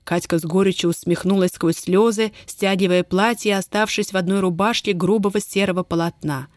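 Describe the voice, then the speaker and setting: A woman narrating a novel in a calm, measured storytelling voice. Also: mid-range voice, dry recording, clean studio sound. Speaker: audiobook narrator. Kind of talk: scripted narration.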